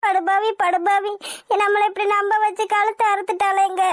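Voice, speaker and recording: A woman voicing a squeaky, weeping cartoon mother. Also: fairly even intonation, brisk, dry recording, studio quality. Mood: crying. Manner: tearful, wailing lament. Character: fretful middle-aged mother of a runaway bride. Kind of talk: animated cartoon voice acting.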